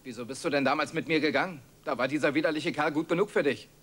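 An actor playing a lazy, hard-drinking young husband who answers back surly and defensive, in dubbed film dialogue. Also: male voice, a little high, quick pace, a bit bright.

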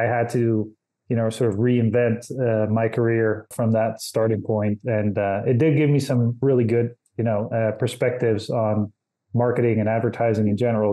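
A man from the Netherlands talks as a podcast guest, his voice warm and mellow. He fills pauses with "uh" while explaining things in a relaxed, casual way. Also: fairly low pitch. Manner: hesitant, many "uh" fillers. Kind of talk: casual interview.

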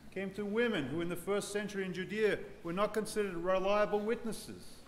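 A man in his thirties, a priest, giving an earnest sermon in a large church, unhurried, building to joyful emphasis. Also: sits high, a little hiss or hum. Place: large ornate church with congregation. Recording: echoey church hall, reverb, faint ambience.

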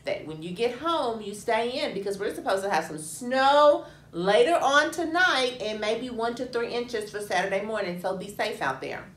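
A woman teacher co-hosts a school morning news show, giving students the date, the weather and the lunch menu. She sounds friendly and upbeat, and her voice sits a little high. The room has a strong echo. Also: lively intonation, moderate pace, hardly any pauses. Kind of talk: school announcements. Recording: echoey room.

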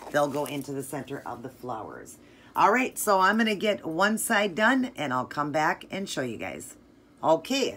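Narrating a nail art tutorial step by step, this middle-aged woman chats eagerly and raves about the colors. Her low-pitched voice is a bit bright, and the recording carries a little hiss or hum.

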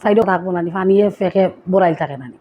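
A woman's voice: lowish voice, quick pace, lo-fi sound, slight background noise. A woman vlogger with a Sylheti Bengali accent, chatting playfully and straight to her viewers in a casual vlog. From Assam, India.

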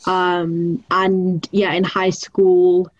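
A woman's voice: on the low side, little pitch movement, very slow, highs cut off. A young woman student from England, speaking casually from her bedroom with fillers like "like" and "uh". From northern England. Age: young adult. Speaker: student panelist. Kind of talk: casual interview answer. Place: small bedroom indoors. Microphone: laptop webcam.

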